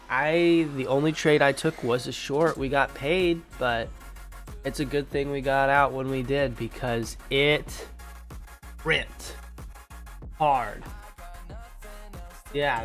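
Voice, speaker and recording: Hosting a live stream, a young man keeps his talk laid-back and slangy, his voice a little high with a fairly bright tone. He sounds nasal and congested from allergies.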